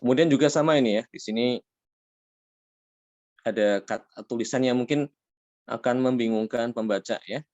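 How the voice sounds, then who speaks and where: A man teaching a tajweed class, patient, asking his students questions and drawing out Arabic words slowly. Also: mid-range voice, a little mellow, no echo, muffled recording. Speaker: Quran recitation teacher. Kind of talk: tajweed lesson.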